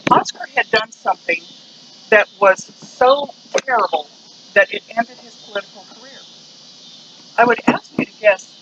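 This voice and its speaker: A man's voice: sits high, fairly bright tone. A man telling local stories to a tour group in a folksy, conversational, digressive way. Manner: folksy, digressive, acts out short quotes. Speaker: ghost tour guide. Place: outdoors on a noisy street. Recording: dull outdoor street recording with traffic noise.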